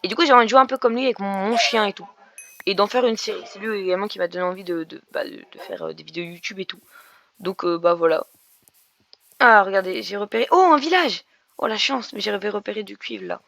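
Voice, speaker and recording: A woman's voice: medium pitch, fairly even intonation, fast, vocal fry, a bit bright, no room sound. A young woman commenting on her Minecraft game in a chatty way, explaining as she plays, with many fillers and restarts. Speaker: gaming YouTuber. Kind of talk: Minecraft let's play commentary.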